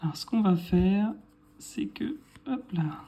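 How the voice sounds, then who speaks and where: Male collector, casual unboxing talk, warm mellow tone, thinks aloud. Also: sits high, lively intonation, takes it slowly. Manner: chatty, thinks aloud, corrects himself. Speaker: card collector showing a purchase.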